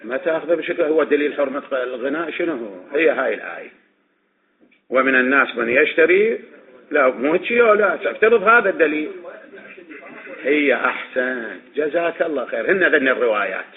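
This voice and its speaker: A man with an Iraqi Arabic accent teaching a classroom lecture on religious legal reasoning, posing questions and answering them himself, repeating his points. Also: a little high. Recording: tinny phone-like recording with faint noise.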